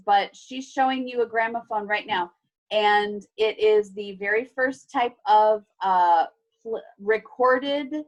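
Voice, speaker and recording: On an online class video call, a woman teacher with a medium-pitched voice reads a storybook aloud expressively to children and chats with them, explaining things simply. The audio has its high frequencies cut off.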